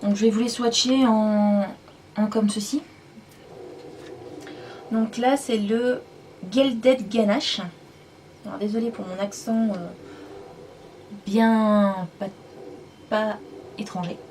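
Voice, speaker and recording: Chatty woman, mellow voice, off-mic. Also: on the high side, fairly even intonation, normal speed, pauses often, a little hiss or hum. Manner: chatty, rambling, self-deprecating. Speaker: beauty vlogger. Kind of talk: casual makeup review and swatching. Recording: voice a bit far from the mic.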